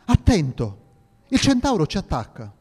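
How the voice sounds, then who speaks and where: A man voicing a wry royal falconer who talks quickly. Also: sits high, wildly swooping pitch, darkish tone, slightly rough, exaggerated voice. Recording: reverberant hall with faint music.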